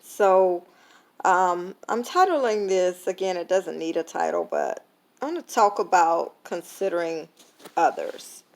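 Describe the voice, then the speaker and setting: A woman's voice: fairly low pitch, a little slow, vocal fry. A tired woman talking casually to camera, full of fillers, retelling an everyday story with quoted lines. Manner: conversational, many fillers, retelling with quoted dialogue. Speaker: vlogger sharing a faith lesson. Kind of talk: casual reflective talk to camera.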